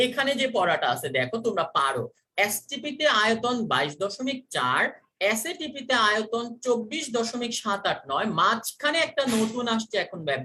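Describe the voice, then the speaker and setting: A teacher leads an online chemistry class and quizzes the students by repeating each question. The voice is bright and clear. The pitch rises and falls freely.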